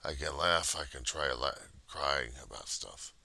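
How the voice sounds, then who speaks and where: A man giving a casual, profane confessional monologue in a halting, raw and emotionally weary way. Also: a bass voice, vocal fry, pushed and bright, dry recording. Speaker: personal video diarist.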